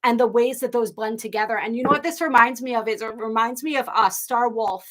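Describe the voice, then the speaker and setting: A woman with a high-pitched voice talks a little fast as she hosts a live spiritual stream on astrology and tarot. Casual and effusive with viewers, she rambles, keeps restarting, and sometimes sounds nearly tearful.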